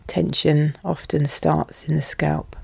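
A podcast host guiding relaxation in a calm, soothing, soft and hushed voice, with measured, deliberate phrasing. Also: mid-range voice, vocal fry, breathy edge, dry recording. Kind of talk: slow, soothing guided hypnosis narration.

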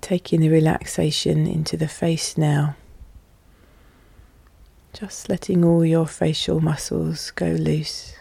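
Calm podcast host doing guided hypnosis, soft hushed delivery, really slow, close dry sound. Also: medium pitch, creaky, breathy edge, no echo. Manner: calm, measured, deliberate phrasing with pauses.

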